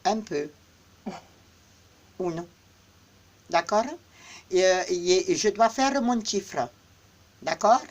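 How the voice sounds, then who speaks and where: A woman with a lowish voice talks unhurriedly on a phone live stream from her small shop. She teases and mock-insults her viewers in a playful, joking way. Her delivery is relaxed and drawn out. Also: drawn-out words, long pauses. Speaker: shop owner promoting a Halloween event.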